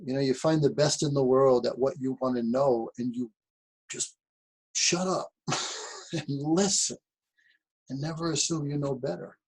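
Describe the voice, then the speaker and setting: Husky-voiced martial arts teacher reflecting. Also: male voice, mid-range voice, measured pace, long pauses, rough recording. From United States. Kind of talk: reflective talk to camera.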